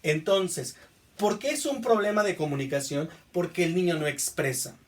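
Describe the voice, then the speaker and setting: A male teacher with a Mexican accent giving a classroom lecture, often checking understanding with a quick question. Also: fairly high pitch, lively intonation, far from the mic. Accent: Mexican Spanish. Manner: repeats "¿estamos?" to check understanding.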